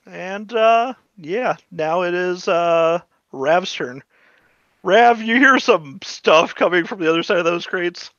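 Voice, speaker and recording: Bright, forceful male game master. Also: high voice, slow pace, dry recording, muffled recording. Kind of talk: casual tabletop game narration and rulings.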